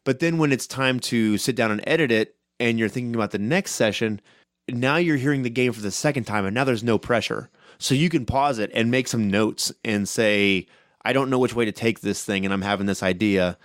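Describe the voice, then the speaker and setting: A man co-hosting a podcast about running tabletop games, talking loud and fast in casual chat and tagging many sentences with "right?". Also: mid-range voice, dry recording, studio quality. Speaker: podcast co-host and game master.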